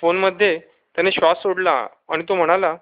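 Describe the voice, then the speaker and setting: A man narrating a children's storybook, switching into lively quick voices for the characters. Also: sits high. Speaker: audiobook reader. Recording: dull lo-fi recording.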